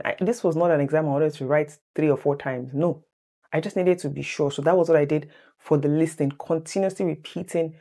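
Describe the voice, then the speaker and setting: She's in her thirties, with a deep voice and English as her first language, casually narrating her exam story for viewers in a tips vlog. Her manner is animated and chatty, with easy laughter and frequent "guys" aimed at the audience.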